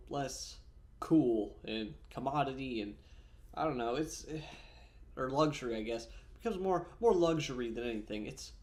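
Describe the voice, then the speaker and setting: A man chatting casually in a gaming vlog, rambling with many fillers and self-corrections, snacking on almonds as he talks. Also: mid-range voice. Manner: snacks on almonds while talking. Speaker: gaming vlogger.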